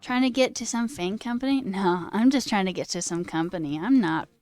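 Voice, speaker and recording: Her pitch sits in the middle, her intonation is lively, and she talks fairly quickly with a slightly mellow tone. She's a young adult live coding streamer using a put-on British accent, casually chatting and dramatically reading viewer comments at her own expense, with music in the background.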